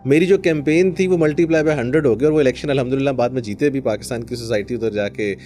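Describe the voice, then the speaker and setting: A man's voice: medium pitch, fast, mellow, soft background music. A man in his forties with a Pakistani Urdu accent, a lawyer answering interview questions in an earnest, storytelling way, mixing in English phrases. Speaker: lawyer, podcast guest.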